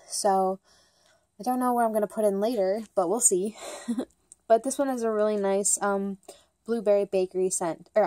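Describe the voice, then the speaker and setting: A woman's voice: medium pitch, mellow, no room sound. Bubbly rambling woman vlogger. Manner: rambling and bubbly, many "like" and "um" fillers; talks fast at times, by her own account. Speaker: vlogger reviewing wax melts. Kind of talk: casual chatty product review.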